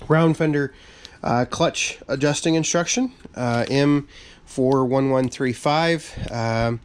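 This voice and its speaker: A channel host with a medium-pitched voice, slightly raspy from a cold, gives a casual update video from a workshop full of parts. He talks in a relaxed, rambling way with many fillers and restarts, and there's slight background noise.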